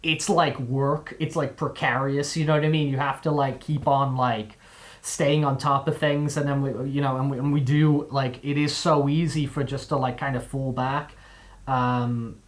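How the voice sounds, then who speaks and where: A man's voice: medium pitch, flat delivery, normal speed. A young man with a mixed, displaced accent, chatting casually on a live stream, rambling with many fillers and restarts.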